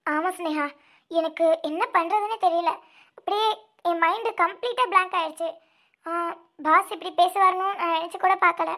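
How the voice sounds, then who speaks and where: A woman voicing a grieving young snake-woman who guards her younger sister, speaking with tearful, halting repeats in an amateur audio drama. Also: extremely high pitch, steady tone, pushed and bright, full character voice. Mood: troubled.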